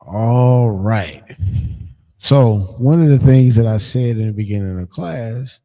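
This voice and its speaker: A man teaching a livestreamed language class, explaining in a casual, halting way with frequent pauses and ums. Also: mid-range voice, dark tone. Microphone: streaming setup, screen sharing.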